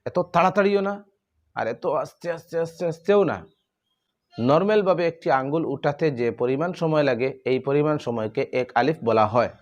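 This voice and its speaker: A man teaching Quran letter pronunciation, drawing out each letter name slowly and explaining the difference between similar sounds. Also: a little high, dull audio. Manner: slow, drawn-out recitation of letter names.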